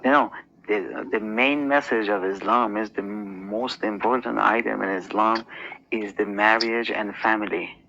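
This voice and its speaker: A man from Iran, speaking haltingly in a casual group discussion, with many fillers and restarts. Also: lowish voice, steady tone, creaky, bright, forceful tone. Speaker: podcast guest. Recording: dull lo-fi audio with faint noise.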